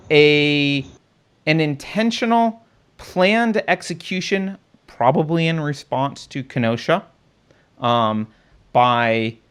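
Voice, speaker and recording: A man's voice: medium pitch, fairly bright tone. A man hosting a political talk show, talking casually as he walks through video footage and points things out on screen. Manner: conversational, pointing things out on screen, frequent restarts.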